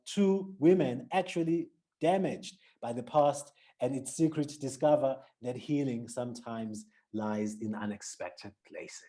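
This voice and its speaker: In a book interview, a man with a South African accent first reads an introduction, then questions the author with many restarts. His voice is mellow and on the high side.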